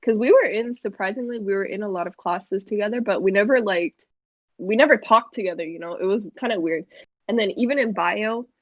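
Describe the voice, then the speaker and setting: A woman's voice: mid-range voice, no echo, lo-fi sound. A young woman co-hosting a podcast, chatting in a laid-back way with lots of fillers and laughs. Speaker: podcast co-host. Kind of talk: casual chat among friends.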